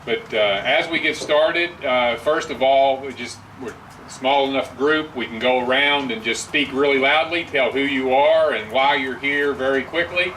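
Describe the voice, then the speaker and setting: A man chairing a community meeting, speaking haltingly with frequent filler words. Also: medium pitch, a bit bright. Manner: halting, many filler uhs, friendly. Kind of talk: casual public address. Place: meeting room. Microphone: distant room mic. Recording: distant mic with background noise.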